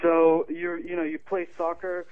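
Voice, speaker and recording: A man's voice: on the high side, monotone, unhurried. A man from Morocco, an author and Arabic teacher, calling in to a radio interview, articulate with hesitant fillers. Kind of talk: radio interview over the phone. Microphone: telephone. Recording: tinny phone line.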